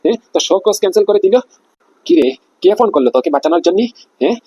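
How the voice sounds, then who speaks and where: A man voicing a boastful, threatening male crime boss in a cartoon comedy, with a husky, gravelly voice. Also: sits high, lively intonation, rapid-fire, warm tone, no echo, heavily acted. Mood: interrogating. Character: menacing male crime boss, older brother.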